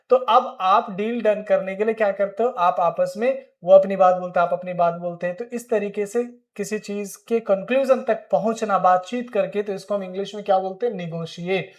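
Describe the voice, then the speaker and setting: High-voiced Indian English teacher. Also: male voice. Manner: explains words in Hindi, checks in with "ठीक है?". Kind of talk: spoken English lesson.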